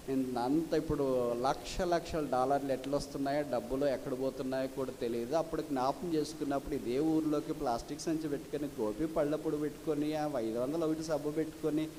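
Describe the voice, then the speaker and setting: A male preacher delivering a sermon, swinging between loud rhetorical questions and soft low passages, with English phrases mixed in. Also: in a large hall, a little hiss or hum.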